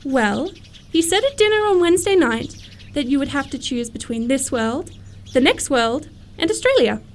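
Woman acting a high-voiced, demure young girl. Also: sing-song, moderate pace, slight background noise. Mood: prim, candid. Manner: demure, earnest, politely teasing. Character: prim, sweet, candid young girl of good family. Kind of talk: theatrical comedy-of-manners radio acting.

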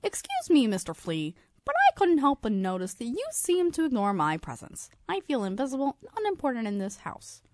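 A woman voicing a small, eager house fly that pleads and pushes in a squeaky, excited way, recorded close on a dry studio mic. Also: fairly quick, no echo. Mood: pleading. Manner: squeaky, pleading, rising to shouts.

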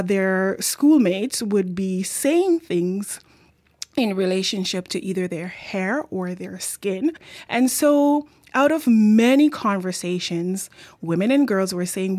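A woman with a light Jamaican accent, a community mentor and author, answering interview questions earnestly, with pauses and restarts. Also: medium pitch, a little mellow, dry recording.

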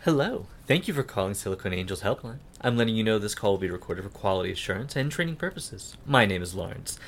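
A man's voice: lowish voice, lively intonation, quick pace. A man playing a courteous, patient helpline agent, working through procedure in busy call center fashion. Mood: brisk, procedural. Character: polite, patient male helpline agent named Lawrence. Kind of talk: scripted customer service call, acted comedy. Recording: faint background noise and ambience.

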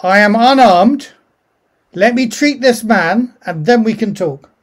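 A man's voice: high-pitched, lively intonation, measured pace, voice pushed up. A man voicing a nervous unarmed man who pleads to negotiate in a tabletop game. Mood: nervous pleading.

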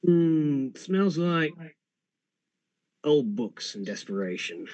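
Man doing a gravelly, sly hobgoblin thug. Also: a little high, very animated, slow pace, darkish tone, no echo, voice pushed up. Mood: sly, gruff. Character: rough, sly hobgoblin gang boss, male, hired tracker.

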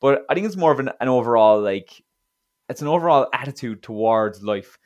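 Fast-talking Irish man coach. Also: medium pitch, lively intonation, a little mellow. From Ireland. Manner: quick, earnest, reflective, with many restarts. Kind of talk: casual podcast chat.

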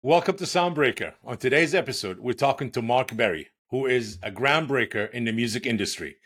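A man hosts an interview and jumps in with curious follow-up questions. His voice is husky and sits at a medium pitch. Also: expressive, brisk, a bit bright. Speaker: podcast host. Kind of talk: interview host.

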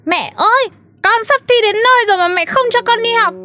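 A woman voicing a whiny, chatty young school kid in a cartoon, with a squeaky childlike voice and a pleading, cheeky way of talking. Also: a little fast. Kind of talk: cartoon voice acting.

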